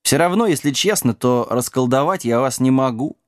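A man's voice: medium pitch, animated, moderate pace, dry recording, studio quality, close to an everyday voice. A man voicing a bossy, sarcastic middle-aged male sorcerer in an audiobook. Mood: mocking. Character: gruff, mocking male sorcerer of middle age. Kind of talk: audiobook character voice.

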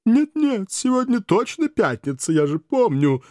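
A man voicing a gentle, half-deaf elf who answers mildly and off the point. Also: fairly high pitch, big pitch swings, takes it slowly, no echo, studio quality, voice pushed up. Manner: mild, off-topic replies. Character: gentle half-deaf male elf, mild and absent-minded. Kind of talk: audiobook character voice.

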